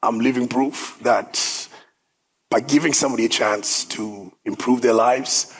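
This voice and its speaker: Upbeat man in his thirties, from South Sudan, husky tone at middle pitch, speaking casually to an event crowd. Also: steady tone, unhurried, low-quality recording. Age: 30s. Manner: upbeat, conversational, with filler words. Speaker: guest speaker. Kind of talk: personal story talk. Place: event hall.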